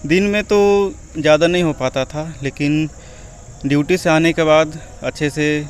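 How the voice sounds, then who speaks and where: A man's voice: on the high side, steady tone, unhurried, slight background noise. A man from Bihar, a railway employee, answering interview questions hesitantly while searching for words. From Bihar, India.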